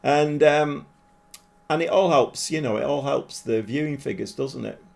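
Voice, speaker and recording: This streamer, whose voice is medium-pitched and creaky, plays a football management game live while talking casually with viewers. Self-deprecating humor comes easily to him, and so does excitement.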